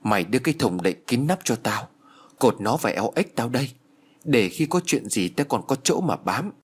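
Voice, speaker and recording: A shrill, scolding older rich lady, as a man reading the story puts her on. She sounds frightened yet sharp-tongued, delivered in a husky, lively reading voice. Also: normal speed. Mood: commanding.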